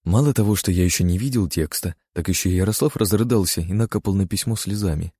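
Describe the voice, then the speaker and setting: A man reading first-person fiction as an audiobook narrator, steady in narration and livelier in dialogue. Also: sits low, quick pace, breathy edge, no room sound, studio quality.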